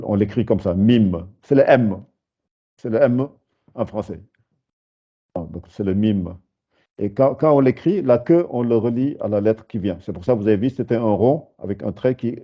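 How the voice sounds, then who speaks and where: A man teaching a beginner class, patiently spelling out syllables one by one, often pausing with hesitations. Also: on the low side, slightly rough, dull audio. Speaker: Arabic teacher. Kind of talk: live beginner lesson with students.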